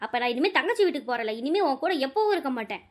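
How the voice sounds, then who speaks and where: A woman's voice: high-pitched, sing-song, very fast. A woman voicing a bossy middle-aged mother-in-law who nags and complains indignantly.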